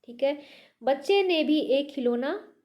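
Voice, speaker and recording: A woman teaching Hindi grammar, reading example sentences slowly and explaining them patiently, with English words mixed into her Hindi. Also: high voice, expressive, dull audio.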